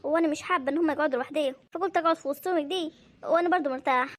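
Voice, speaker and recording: A woman voicing a sick elderly village mother with an Upper Egyptian accent. She sounds tired, complains and refuses food in a soft voice. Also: high voice, very fast, natural voice. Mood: weary. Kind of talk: amateur audio drama.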